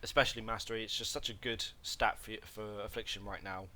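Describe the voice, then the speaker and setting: Low-voiced guy rambling thru a game guide at his desk mic, lots of ums, bit of a cough. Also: fairly even intonation, fairly quick, bright, forceful tone. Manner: rambling, self-correcting, frequent fillers. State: coughing, slight throat irritation. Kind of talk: casual gameplay tutorial.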